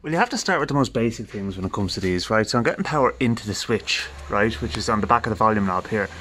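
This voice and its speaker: An Irish man hosting a radio repair video gives casual, hands-on commentary in a garage, thinking aloud informally with wry understatement. His voice is on the low side, animated, quick and sharp in tone. It is recorded on a handheld phone with slight background noise.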